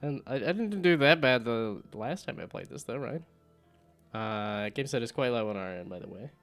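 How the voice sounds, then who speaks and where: A man's voice: medium pitch, expressive, normal speed, a bit bright, soft background music. A man streaming a game, chatting casually, laughing often and reading the game's text aloud.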